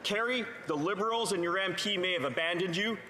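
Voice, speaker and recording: Bright, forceful man making a parliamentary statement. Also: sits high, brisk. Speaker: opposition member of parliament. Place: large legislative chamber. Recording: echoey legislative chamber.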